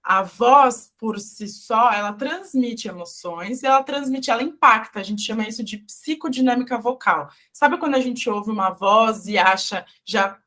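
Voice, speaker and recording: A woman's voice: fairly high pitch, normal speed, hardly any pauses, a bit bright. A Brazilian woman, a speech therapist, explaining her field in a didactic radio interview, moving through terms one by one. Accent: Brazilian Portuguese. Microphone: studio radio microphone.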